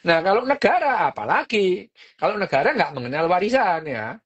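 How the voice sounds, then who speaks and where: A woman's voice: on the low side, big pitch swings, moderate pace, breathy edge, muffled recording. A woman, hosting a podcast and explaining a book in a casual, chatty way, full of fillers and little jokes.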